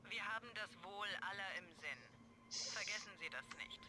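A man's voice: sits high, moderate pace, noisy background, natural voice. A man voicing a stern radio commander. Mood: commanding. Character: stern male radio commander giving orders. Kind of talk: game dialogue over radio.

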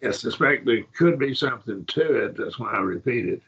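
A man teaching a Bible Greek class, halting and repeating himself, often checking that the class follows. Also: mid-range voice, expressive, a bit bright, breathy edge, lo-fi sound. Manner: halting, repeats words, asks the class if it makes sense.

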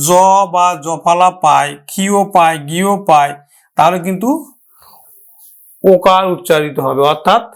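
A man with a Bangladeshi Bengali accent teaching a grammar lesson, addressing his students directly and slowly repeating each example word. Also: high-pitched, fairly bright tone. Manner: slow, drawn-out repetition of example words.

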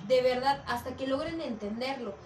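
A woman gives a recorded lesson for young pupils in a high voice, often checking in with them as she goes. She sounds set back from the mic in an echoey room, with a faint hiss underneath. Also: moderate pace, recorded from a distance. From Mexico. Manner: patient, checks in with "¿ok?" and "¿sale?". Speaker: primary school teacher. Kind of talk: recorded video lesson for children.

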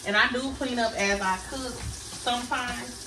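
A woman with a fairly high, fairly even voice at a measured pace chats to viewers, whom she calls y'all, as she cooks. The far-off camera in her small kitchen records roomy audio with running water and background noise.

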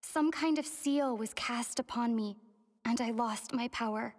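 Wistful young heroine, reverberant. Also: female voice, on the high side, a little slow. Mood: wistful, resolute. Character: young wandering heroine, wistful yet determined. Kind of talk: video game story narration. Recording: long cavernous reverb.

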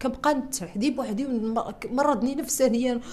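A woman's voice: a little high, quick pace, a little mellow. A young woman with a Moroccan Arabic accent giving an emotional personal testimony, distressed, repeating herself and restarting her sentences. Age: young adult. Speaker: interviewee.

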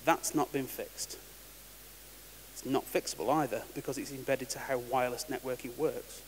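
A conference speaker in a large hall talks at normal speed in a steady, mid-range voice. His technical talk is casual and wry, with frequent word restarts, and the recording carries hall reverb and faint hiss.

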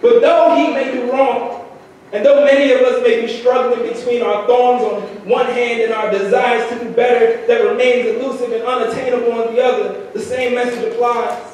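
High-voiced young man preaching in church. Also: level tone, moderate pace, a little mellow, slight background noise. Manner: rhythmic repetition, building to sung climaxes. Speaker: lay preacher. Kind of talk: sermon. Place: large church sanctuary. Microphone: handheld mic at pulpit. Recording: echoey church from far off.

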